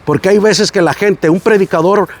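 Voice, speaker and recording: A Mexican man preaching in a fairly high voice. He tells lively stories and acts out the people he quotes, then drops into slow, earnest prayer. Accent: Mexican Spanish. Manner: animated storytelling, acting out quoted voices. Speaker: pastor. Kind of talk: sermon on a site visit.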